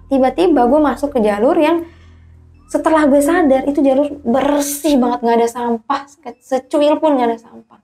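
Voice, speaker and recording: A woman recounting her own eerie hiking experience as a guest, in casual, animated storytelling that keeps quoting others in quick dialogue. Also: high voice, soft background music.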